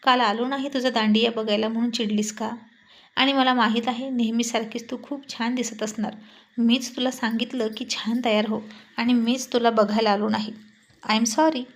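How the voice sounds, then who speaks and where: A woman voicing a caring young husband who is a politician and gently teases his worried wife. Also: on the high side, steady tone, moderate pace, lightly acted. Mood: concerned. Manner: gentle, teasing reassurance.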